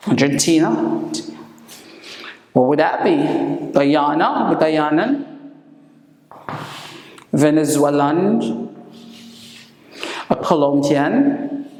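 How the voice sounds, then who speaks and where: Slow, low-voiced woman teaching English. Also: creaky, a little mellow. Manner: slow, repeats each word for drilling. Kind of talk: classroom lesson. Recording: echoey room with long reverb.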